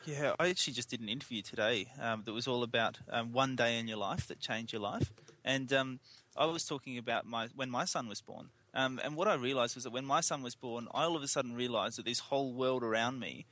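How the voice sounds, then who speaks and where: A man's voice: medium pitch, fairly quick, pushed and bright, no echo. A man co-hosting a casual health podcast, earnest and full of fillers. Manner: earnest, many fillers like um and you know. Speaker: podcast co-host.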